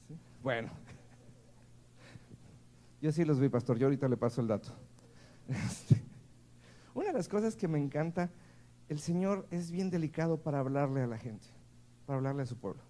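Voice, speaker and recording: Playful Mexican preacher with a mellow voice. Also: male voice, on the high side. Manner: conversational, keeps checking in with the congregation; playful, laughs between points. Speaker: pastor. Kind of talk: sermon. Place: church service.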